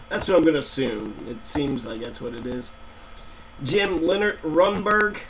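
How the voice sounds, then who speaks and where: A man giving a casual screen-recorded walkthrough, thinking aloud in a loose, profane way, on a fuzzy distorted recording. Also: a little high. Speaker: screencast presenter. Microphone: computer screen-recorder mic. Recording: distorted mic with faint fan hum.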